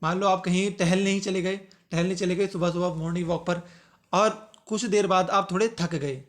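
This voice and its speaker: Guy with a high voice doing a grammar lesson, repeats himself a lot, slows down for the examples. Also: steady tone. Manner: explanatory, repeats phrases, slows down to read out example sentences. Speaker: teacher. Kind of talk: exam-prep grammar lesson.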